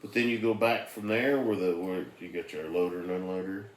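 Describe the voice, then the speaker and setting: A man telling work stories in casual chat, loud and animated, swearing heavily. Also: deep voice, fairly quick, far from the mic. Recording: echoey room with faint noise.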